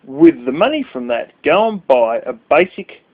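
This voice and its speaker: A man's voice: a little high, huge pitch swings, moderate pace, vocal fry. A sleepy man ranting bluntly and rambling as he talks to camera, swearing freely. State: sleepy, yawning late at night. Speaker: vlogger. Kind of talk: casual rant to camera. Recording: tinny phone-like audio.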